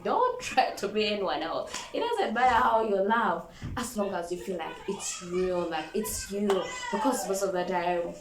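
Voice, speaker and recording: A woman vlogger gives a motivational talk to camera, her voice swooping up and down as she plays with each phrase. She fondly calls the viewer darling. The recording carries a roomy echo and clear background noise. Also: medium pitch. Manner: animated, playful, acts out quoted voices and laughs. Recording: echoey room with background noise.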